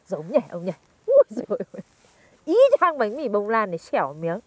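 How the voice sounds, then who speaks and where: A woman's voice: medium pitch, sing-song, brisk, husky, dry recording. A young woman, teasing and chatty as a granddaughter in a comedy skit.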